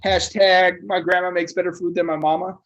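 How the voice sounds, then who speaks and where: A man with a slightly high voice runs a casual online cocktail class. He talks like a bartender among friends, loose and joking, with the odd casual swear. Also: little pitch movement, brisk, fairly bright tone, dull audio.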